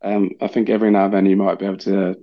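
A low-pitched man talks at a racing pace, and the recording is muffled with no echo. He is an English chef whose accent has taken on some Australian twang, rambling casually as a podcast guest, full of fillers and quick to laugh.

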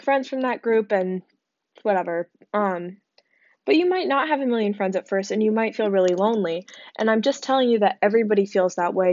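A woman's voice: mid-range voice, a little mellow, dry recording. Tired young woman giving chatty advice. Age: young adult. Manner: chatty, frank, filler-heavy. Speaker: podcast host. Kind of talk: casual advice monologue. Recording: dry, slightly dull sound.

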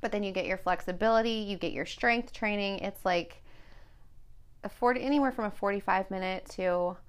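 Woman, fitness instructor, casual chat, mid-pitched voice, talks in quoted asides. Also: brisk, smooth. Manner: chatty, quotes herself telling people what to do. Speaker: group exercise instructor.

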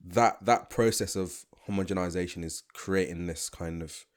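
Speaking at a moderate pace in a voice that sits low, a young London man makes casual podcast talk. He's thoughtful and meandering, with asides and frequent restarts.

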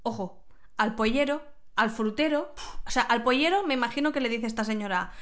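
A woman's voice: on the high side, fairly quick, a bit bright. Teasing woman co-hosting a podcast. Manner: teasing, playful banter. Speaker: podcast co-host. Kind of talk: casual chat. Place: home.

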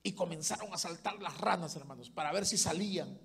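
A man preaching a sermon as pastor, impassioned, swinging between loud calls and hushed asides. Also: a little high, brisk, slightly rough.

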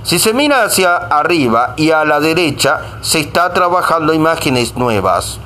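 A man's voice: a little high, sing-song, moderate pace, pushed and bright. A man reading a self-help text aloud, now and then tripping over a word and saying sorry before starting the line again. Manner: stumbles over words and says sorry.

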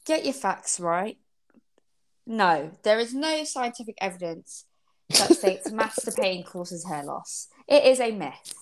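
A woman's voice: mid-range voice, expressive, a little slow, low-quality recording. A woman, chatting casually and frankly as a podcast host. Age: 20s. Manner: frank, informal, swears. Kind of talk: casual chat.

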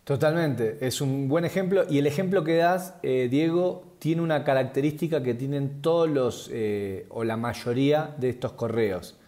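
A man speaking as an expert guest, explaining things in a measured way with frequent fillers and restarts. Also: medium pitch, mellow. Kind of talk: explanatory interview answers.

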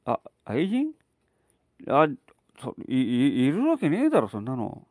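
A man's voice: fairly high pitch, sing-song, normal speed, dry recording, clean studio sound. A man playing a drunken brute of a father. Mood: blustering. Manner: bellowing rough threats. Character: drunken violent father, loud and abusive.

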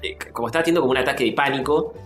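A man's voice: medium pitch, rapid-fire, echoey room, over music. A man with a Rioplatense Spanish accent, co-hosting a casual podcast and telling an anecdote with acted-out quotes. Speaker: podcast co-host. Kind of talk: casual storytelling chat.

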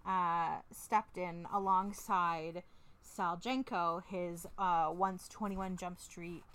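A woman's voice: fairly low pitch, fairly even intonation, slow pace, a bit bright, clear, resonant tone. A woman co-hosting a podcast, chatting in a giggly, playful, jokey way. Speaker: podcast co-host. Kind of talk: casual chat.

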